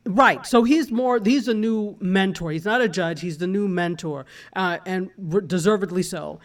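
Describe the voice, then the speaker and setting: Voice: mid-range voice, normal speed. A speaker from Africa chatting casually as a panelist on a talk show, enthusiastic and full of restarts. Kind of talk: casual chat.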